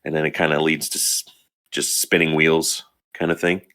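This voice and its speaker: A man's voice: rumbling low, little pitch movement, normal speed, a bit bright. A man co-hosting a casual podcast, rambling through his updates with fillers and casual swearing. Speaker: podcast co-host. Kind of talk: casual chat.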